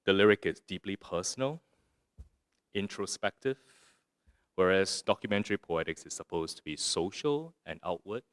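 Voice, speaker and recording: In an arts center lecture room, a Singaporean man gives a musing, conversational talk on poetry that includes a reading, often tossing a rhetorical "right?" to his audience. His deep voice is expressive and moderately paced, captured in a dry, studio-quality recording.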